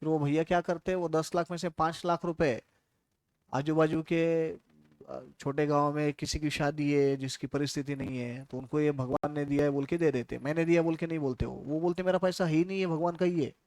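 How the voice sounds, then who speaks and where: A man's voice: on the high side, fairly even intonation, moderate pace, a little mellow, dry recording. A man from India giving a casual, chatty classroom lecture, telling stories and asking his students questions.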